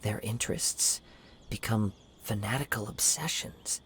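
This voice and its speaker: A man playing a calm, gentle young wandering samurai in a video game, speaking in measured, formal, poetic phrases. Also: lowish voice, slight background noise. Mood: calm, grave. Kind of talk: scripted video game voice acting.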